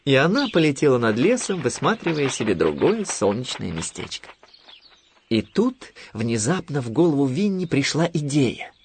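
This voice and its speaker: A man narrating a children's audiobook in a lively, expressive storytelling manner. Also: medium pitch, breathy edge.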